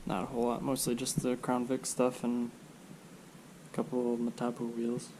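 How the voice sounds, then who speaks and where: A man's voice: medium pitch, moderate pace, noisy background. A man with a stuffed-up nose, talking casually and rambling through his work in a home garage workshop. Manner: relaxed, rambling, thinks aloud with fillers. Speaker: car restoration vlogger.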